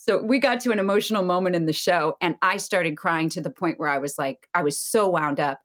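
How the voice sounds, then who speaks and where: A woman in her thirties, a stage actress, speaks as a guest in a relaxed interview. She tells her stories with lively, animated energy and acts out the quoted lines. Her voice sits slightly low. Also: fairly quick. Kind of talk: casual interview storytelling.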